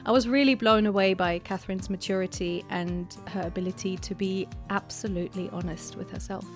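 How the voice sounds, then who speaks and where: A woman's voice: mid-range voice, steady tone, brisk, soft background music. A woman hosting a podcast interview, enthusiastic, laughing often and restarting her phrases. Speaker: podcast host.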